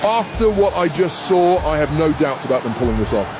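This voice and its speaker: A man calling wrestling play-by-play, excitably naming each move as it lands. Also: a little high, a little fast, loud music behind the voice. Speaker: play-by-play commentator. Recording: loud arena crowd and noise behind.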